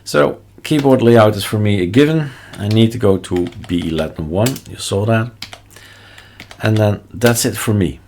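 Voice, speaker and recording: Male screencast host, Belgian accent, non-native; lowish creaky voice, thinks aloud in clipped casual bits. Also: normal speed, darkish tone. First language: not English. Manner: short choppy phrases, offhand asides. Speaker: tutorial host. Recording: noticeable background noise, keyboard clicks and typing. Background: keyboard typing and mouse clicks.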